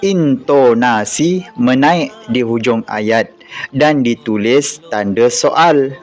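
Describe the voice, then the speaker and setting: A man with a Malaysian Malay accent teaching an online class, reading example sentences aloud slowly and patiently. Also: medium pitch. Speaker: religious school teacher.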